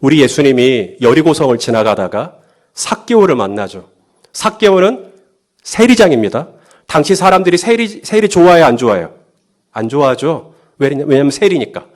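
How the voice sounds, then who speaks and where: A male pastor preaching a sermon, lively, firing rhetorical questions at the congregation and acting out quotes. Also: on the high side, normal speed.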